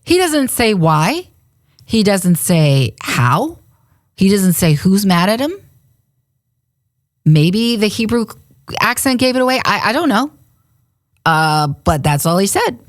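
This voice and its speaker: A woman co-hosts a faith podcast on a studio microphone, chatting casually and laughing often as she retells a Bible story. Her mid-range voice swings widely in pitch, and she takes her time with long pauses. The sound is clean studio quality with no echo.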